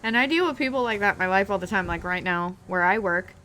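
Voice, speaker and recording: The audio is poor with a little hiss, and her mid-range voice comes out bright, pushed, expressive and quick. She's a young woman in her bedroom telling a casual personal story as she plays a driving video game, hesitating with lots of ums and restarts and being self-deprecating.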